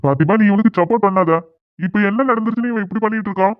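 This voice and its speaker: A man's voice: high-pitched, very fast, no room sound, lightly acted. A man voicing a scolding middle-aged father who presses his son with questions in a cartoon, with a thin, phone-like sound. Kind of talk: cartoon voice acting. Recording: dry, phone-like narrow sound.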